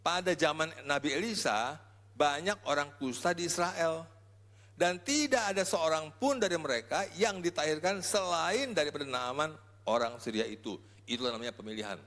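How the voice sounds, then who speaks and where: Animated male pastor, echoey hall. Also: fairly high pitch, normal speed. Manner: animated, colloquial preaching with sudden shouts and drops. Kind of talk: sermon. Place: large church hall.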